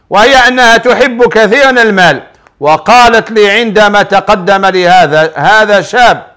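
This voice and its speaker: On television, a sheikh with an Algerian Arabic accent and a notably high, somewhat bright voice answers viewers' religious questions. His advice comes across as preachy and packed with rhetorical questions.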